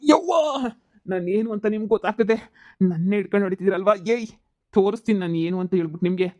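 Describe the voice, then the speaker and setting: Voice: medium pitch, quick pace, darkish tone, no room sound, lightly acted. A performer voicing a whining, cornered village husband in a cartoon comedy, pleading and muttering threats. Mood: sulky threats.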